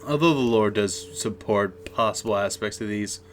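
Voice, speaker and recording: A man co-hosting a paranormal discussion, talking through folklore theories in a measured, speculative way. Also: lowish voice, a little hiss or hum. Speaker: podcast co-host. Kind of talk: conversational analysis of folklore and the paranormal. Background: clear music.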